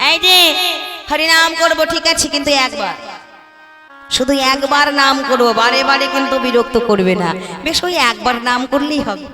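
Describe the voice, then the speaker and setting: A woman's voice: high voice, natural voice. A woman voicing a stubborn, angry young boy in a devotional storytelling performance, talking sharply and indignantly. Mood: grudging. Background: devotional music with tabla.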